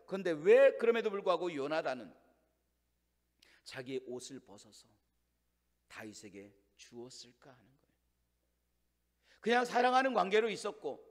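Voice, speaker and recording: A man preaching a Sunday sermon in a fairly high voice, putting question after question to the congregation. He booms out key phrases and then sinks to near whispers. The sanctuary lends his voice a long, ringing reverb. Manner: preaching with rhetorical questions, swings between loud emphasis and hushed lines. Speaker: pastor. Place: church sanctuary. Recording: long church hall reverb.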